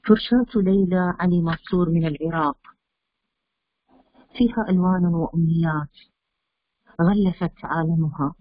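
A woman's voice: on the low side, normal speed, long pauses, dry recording. A woman hosting a literary competition, thanking a reader and introducing the next one in poetic, gracious phrasing. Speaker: competition host. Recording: dry, dull lo-fi audio.

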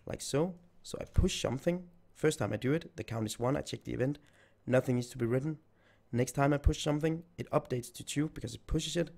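A programming tutor, his voice nearly gone, thinks aloud as he types code in a screen-recorded coding tutorial. He has a mid-range, slightly mellow voice with vocal fry.

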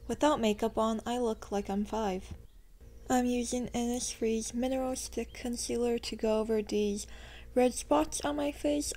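Young woman, beauty vlogger voice-over; mellow, slightly high, chatty with upward-lilting endings. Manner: chatty, self-deprecating, rising sentence endings. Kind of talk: voice-over makeup tutorial narration.

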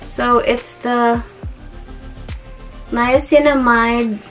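Faint music sits behind a young Filipino-accented beauty vlogger from the Philippines as she talks through her haul. Her voice is a little high with fairly even intonation, and she draws her words out. Chatty and giggly, she uses many ums and starts sentences over.

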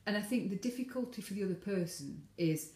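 Fast-talking woman in her forties, echoey room. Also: mid-range voice, animated, darkish tone. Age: 40s. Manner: frank and emphatic, quick with restarts. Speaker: podcast co-host. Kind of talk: casual chat.

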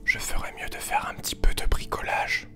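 A young man playing an overly calm relaxation guide in a soft, soothing whispered role-play for a parody ASMR video. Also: soft background music. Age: young adult. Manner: slow, soothing, deliberately gentle. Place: small bedroom with computer desk, indoors.

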